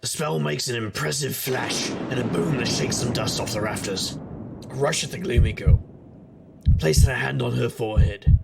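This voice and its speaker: The recording is very noisy as a male actor, mid-range and at a moderate pace, narrates a noir audio drama in the role of a wry, world-weary supernatural private detective. His gravelly, husky, deadpan delivery sets a grim, intense mood.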